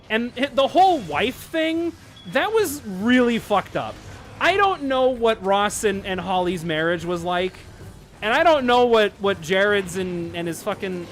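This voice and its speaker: A man with a fairly high, bouncy voice rambles and laughs through a casual chat as he plays a game. his pitch swings all over the place, and soft game music drifts underneath. the talk is loose and animated, like an easy catch-up with a friend. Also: a little slow. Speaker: gaming channel host. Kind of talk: casual gaming chat while playing. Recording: faint game music behind.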